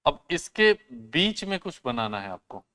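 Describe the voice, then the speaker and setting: A man teaching a class, explaining step by step, asking questions and answering them himself, and sounding out words slowly and carefully. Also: fairly high pitch, sing-song, bright, forceful tone. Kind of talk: classroom lesson.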